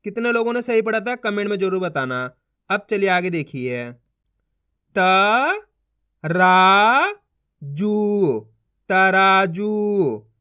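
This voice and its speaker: A man's voice: high voice, big pitch swings, bright, forceful tone, clean tone. A man teaching reading, sounding out each syllable and then saying the whole word, talking to his viewers as friends. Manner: addresses viewers as friends, asks them to pause and try. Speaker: Hindi teacher. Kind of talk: slow phonics lesson, sounding out syllables.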